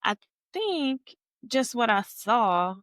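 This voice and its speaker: A woman's voice: a little high, big pitch swings, slow, a bit bright, dry recording. A woman guest on a podcast, candidly and reflectively telling her own story. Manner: candid, reflective, light laughs. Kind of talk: personal storytelling interview.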